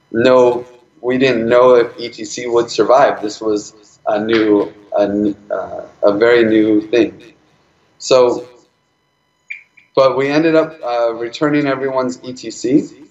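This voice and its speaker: A man at a live event, talking quickly and often restarting his sentences. His voice has a middle pitch and carries the echo of a roomy hall. The sound is slightly dull. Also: a little mellow. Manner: fast, with many fillers and restarts. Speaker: speaker presenting his nonprofit project. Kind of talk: live presentation talk.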